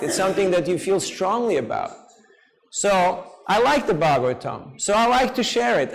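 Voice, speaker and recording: A man giving a devotional talk to a seminar audience, lively and playful, often putting questions to the listeners. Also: high voice, low-quality recording. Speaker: speaker at a seminar.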